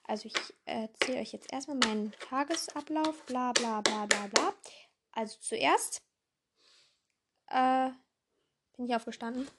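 There's background noise behind this young podcast host, whose voice is high and hoarse. Her casual, rambling talk is packed with fillers and self-corrections, and she keeps jumping between voices.

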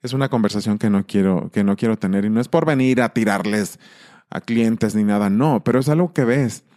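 A man's voice: fairly low pitch, brisk, darkish tone. A man hosting his channel in a casual monologue, talking emphatically with frequent restarts. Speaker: channel host.

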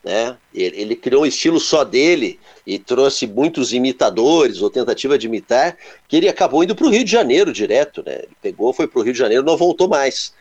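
A man, co-hosting a casual show and telling stories in an animated way with sound-effect words. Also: mid-range voice, brisk, dull audio. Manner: animated, onomatopoeic storytelling. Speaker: co-host. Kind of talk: casual storytelling chat.

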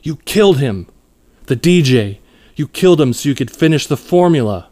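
Man doing an anguished young woman, raised and high, shouting. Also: lively intonation, normal speed, natural voice. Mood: furious. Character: furious young woman escaped from a cult.

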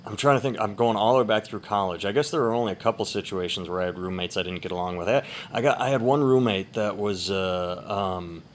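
This podcast host, a man with a lowish voice, speaks fast and almost never stops for breath. Holding himself back so he won't wake the sleepers nearby, he swears and rambles his way through stories at night in an upstairs room at home, with room noise clearly audible.

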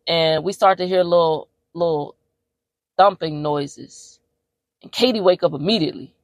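A woman podcast host giving a casual movie recap, telling it in an animated, slangy way with plenty of profanity. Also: lowish voice, no echo.

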